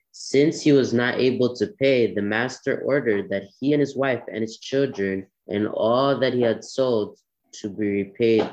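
A man reading a long scripture passage aloud in a steady, measured way. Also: on the low side. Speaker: scripture reader. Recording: dull lo-fi recording.

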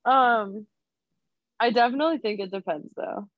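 A woman's voice: a little high, no room sound. Young woman podcast cohost, giggly chatty, dry dull lo-fi sound. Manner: giggly, chatty, drawn-out phrasing. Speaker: podcast co-host. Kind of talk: casual chat.

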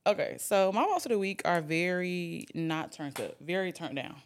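A woman's voice: lowish voice, animated, moderate pace, clean tone. A young woman hosting a podcast, chatting casually, swearing and laughing a lot. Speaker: podcast host. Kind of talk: casual chat.

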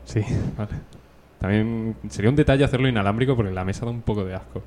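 A man with a Spain Spanish accent co-hosting a casual podcast chat, joking and quick to laugh. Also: fairly low pitch, darkish tone. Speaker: podcast co-host.

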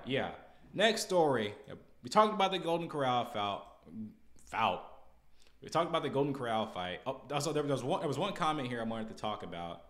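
An American man hosts a podcast of casual opinion commentary, blunt, exasperated and full of slang. His voice is mid-range and a bit bright.

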